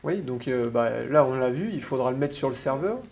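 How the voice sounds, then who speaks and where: A man's voice: medium pitch, animated, a little fast, vocal fry, a little mellow. A man with a French accent giving a tech meetup talk to an audience, explaining things patiently and putting questions to the listeners. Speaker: meetup speaker. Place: meeting room. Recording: slightly dull room recording with faint noise.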